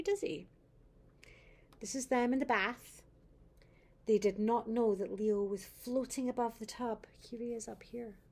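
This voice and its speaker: Sweet old lady storyteller, soft mellow voice. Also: medium pitch, breathy edge. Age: older. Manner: sweet, gentle grandmotherly way of talking, pointing things out. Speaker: grandmother reading to a grandchild. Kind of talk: picture-book storytelling for a small child.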